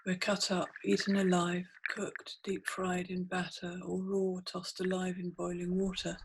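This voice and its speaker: This guided meditation comes from a woman who works as a meditation guide and multimedia artist, narrating scripted, poetic lines in a deliberate, immersive second-person style. Her pitch swings very widely while her delivery stays monotone. Ambient noise is clearly audible around her.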